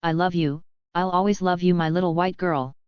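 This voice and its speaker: A woman voices a young scientist in distress, with an emotional delivery. The tone is low-pitched and very smooth, recorded dry and slightly muffled. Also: fairly even intonation, normal speed, no echo, close to an everyday voice. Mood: distraught.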